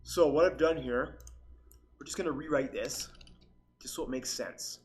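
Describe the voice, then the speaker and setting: A man's voice: mid-range voice, normal speed, a little mellow. A man hosting a casual coding tutorial while losing his voice to a cold, rambling with lots of fillers and restarted sentences. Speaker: channel host, tutorial maker.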